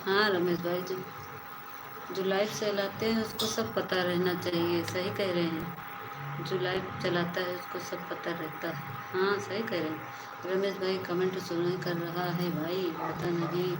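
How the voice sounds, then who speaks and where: A woman's voice: fairly low pitch, flat delivery, a little slow. A woman hosting a casual live stream from a rooftop, chatting with viewers and repeating her advice to them. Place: rooftop, outdoors. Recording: echoey with background noise.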